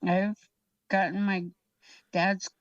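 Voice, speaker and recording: In a storytelling interview, a guest actress tells an anecdote with laughter and acts out quoted lines. Her mid-range voice is flat and slow, with no echo, though the recording sounds distant, dull and lo-fi.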